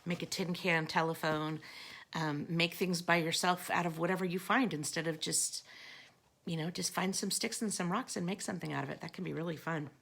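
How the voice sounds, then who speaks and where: A woman reading picture books aloud to children, with gentle, chatty asides to her young listeners. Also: fairly low pitch, fairly even intonation, brisk, vocal fry, breathy edge. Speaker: storytime reader.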